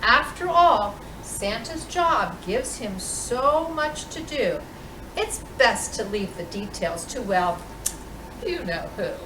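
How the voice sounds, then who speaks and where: An expressive woman with a very animated pitch reads a children's picture book aloud as Mrs. Claus, pacing it deliberately with dramatic pauses. The microphone sits at a distance in a roomy space, and background noise is clearly audible.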